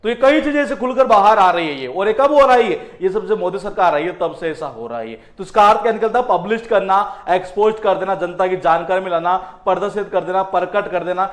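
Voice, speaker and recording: High-voiced teacher in echoey room. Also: male voice, animated, brisk, few pauses. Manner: repetitive, explains with rhetorical questions. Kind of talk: exam-prep vocabulary lesson.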